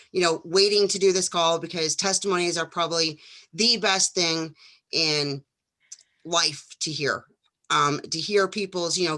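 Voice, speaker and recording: A woman's voice: lowish voice, pushed and bright. An upbeat woman informally presenting as host of an online testimonial call.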